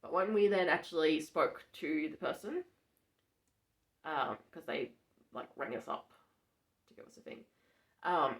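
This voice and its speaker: Speaking low, this young woman's voice comes out gravelly and hoarse because of allergies. She's vlogging casually from a bedroom in a farmhouse, chatty and matter-of-fact.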